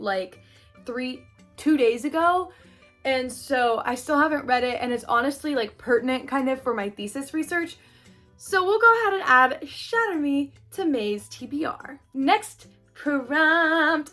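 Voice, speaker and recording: A young woman in her twenties talks through her reading plans in a relaxed, chatty vlog. Her voice sits a little high and stays upbeat, full of "like"s as she thinks aloud. Faint music plays softly under her. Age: 20s. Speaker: booktuber. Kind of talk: casual vlog chat.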